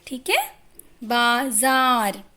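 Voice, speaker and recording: A woman teaching young children to read, sounding out syllables one at a time in a patient, drawn-out way. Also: a little high, expressive, bright, forceful tone. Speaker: primary school teacher. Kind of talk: Hindi phonics lesson for young children.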